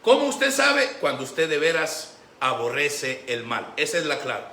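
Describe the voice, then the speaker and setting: A man preaching a Sunday sermon as pastor, animated, acting out the voices he quotes. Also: a little high, a little slow. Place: church sanctuary. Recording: echoey church room with faint background noise.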